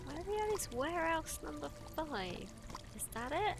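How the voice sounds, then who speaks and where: A woman talks through a detective game on stream, chatty and muttering, with the odd swear under her breath. Her fairly high voice has a gravelly edge, with faint music in the background. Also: sing-song, moderate pace. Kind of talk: casual gameplay commentary.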